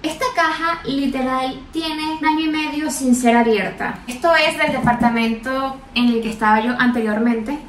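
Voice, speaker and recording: A woman's voice: high voice, normal speed, a little hiss or hum. A young woman, chatting and laughing while she vlogs a move into an empty apartment on a handheld phone. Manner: chatty and bubbly, laughing often. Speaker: vlogger. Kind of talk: casual vlog chat to camera. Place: empty new apartment, echoey rooms indoors. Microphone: handheld phone camera at arm's length. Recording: echoey empty room with music under.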